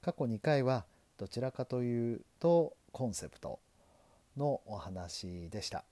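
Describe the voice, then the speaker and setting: A middle-aged lawyer from Japan hosting a solo podcast, talking in an earnest, self-deprecating, measured way. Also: male voice, medium pitch, lively intonation, warm tone, dry recording. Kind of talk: solo podcast talk on learning English.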